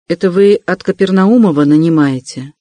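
A man's voice: high-pitched, normal speed, dark tone, no room sound, lightly acted. A man reading an audiobook, voicing a brooding young man with curt, clipped questions, close to his own voice.

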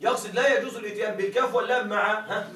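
A man's voice: sits high, fairly even intonation, very fast, pushed and bright, reverberant, far from the mic, rough recording. A male teacher gives a grammar lecture. He reads a classical text aloud, explains it, and keeps checking that his listeners follow.

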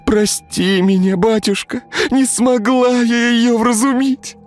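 A man's voice: high-pitched, brisk, fairly bright tone, soft background music, voice pushed up. A man reading a story, voicing a frightened young village girl who sobs and pleads. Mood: distraught pleading. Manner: sobbing, pleading, crossing herself.

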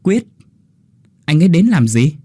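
A man's voice: a little high, big pitch swings, unhurried, husky, no room sound, voice pushed up, exaggerated voice. A man voicing a grieving young woman who snaps in anger. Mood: surprised. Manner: sharp, raised and angry.

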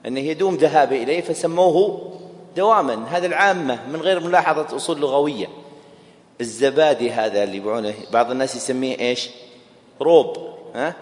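A man teaching a class, explaining a text, repeating key phrases and quizzing his listeners. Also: fairly high pitch. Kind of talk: classroom lecture. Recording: echoey hall with long reverb.

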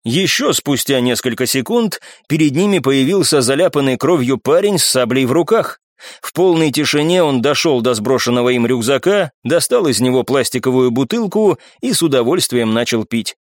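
Lively male audiobook narrator. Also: mid-range voice, normal speed, dry recording, clean studio sound. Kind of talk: scripted narration.

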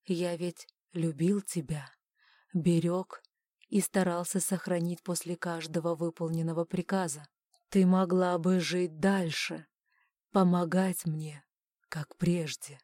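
A woman voicing a cold, detached male mentalist villain in an audiobook, speaking slowly and softly with quiet menace. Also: fairly low pitch, steady tone, dry recording, studio quality. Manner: slow, soft-spoken and coolly menacing. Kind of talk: audiobook character voice.

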